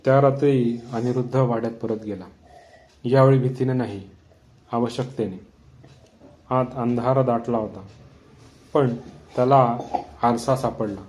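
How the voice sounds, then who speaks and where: A man tells a horror story in a calm, measured way. His voice is dark and mellow, steady in pitch.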